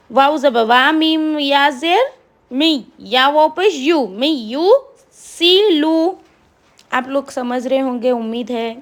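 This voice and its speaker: A high-pitched woman gives a slow tajweed lesson. She spells out each letter and vowel mark one at a time, patiently and deliberately, pausing between sounds. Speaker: Quran recitation teacher.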